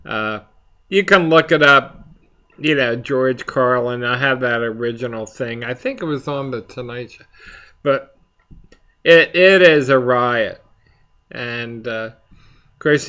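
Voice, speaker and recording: A man hosting a casual, rambling chat for viewers, speaking haltingly as he searches for his words. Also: medium pitch, sharp tone, smooth, muffled recording. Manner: halting, slow to find words. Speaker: pipe hobby video host.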